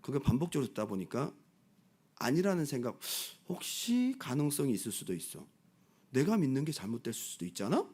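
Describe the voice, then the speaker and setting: A male pastor leading a Bible study, talking in an animated way and acting out the voices of crowds and people in the story. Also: mid-range voice, fairly quick, slightly rough. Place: church.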